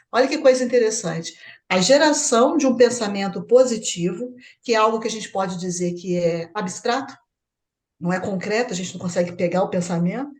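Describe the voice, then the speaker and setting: A Brazilian woman leading a spiritist book study, explaining a chapter and checking with her partner. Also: fairly high pitch. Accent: Brazilian Portuguese. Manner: explanatory, asks partner for confirmation. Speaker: study group host.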